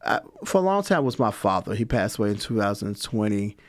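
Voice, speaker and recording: A middle-aged man, a guest in an interview, answering in a relaxed, rambling way with many fillers. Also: lowish voice, a little fast. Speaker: guest, community organizer.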